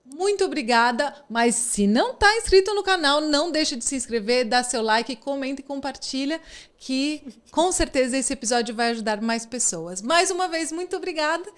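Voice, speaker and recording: A woman's voice: high-pitched, expressive, moderate pace. A Brazilian woman hosting a podcast in a casual, effusive and thankful way. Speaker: podcast host.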